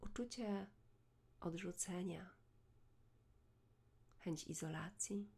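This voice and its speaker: A woman leads a guided meditation in a soft, hushed, soothing voice close to the ear, measured, with long pauses. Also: fairly low pitch. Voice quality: soft, breathy.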